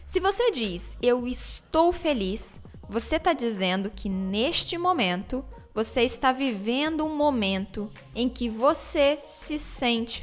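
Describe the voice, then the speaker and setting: Brazilian woman from Minas Gerais, podcast teacher, high upbeat voice, soft music underneath. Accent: Brazilian Portuguese, Minas Gerais. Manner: upbeat, repeats example phrases slowly and clearly. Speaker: Portuguese teacher and podcast host. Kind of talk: podcast language lesson.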